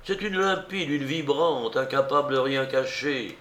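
A man reading as a detached, worldly gentleman. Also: mid-range voice, a little slow, voice pushed up. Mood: confiding. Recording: roomy echo.

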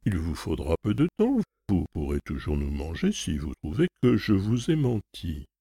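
Shrewd, steady manservant, as a male reader puts him on, with a deep gravelly voice and a lively, measured delivery. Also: dry recording, clean studio sound, exaggerated voice. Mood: persuasive. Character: shrewd loyal male servant, calm and persuasive.

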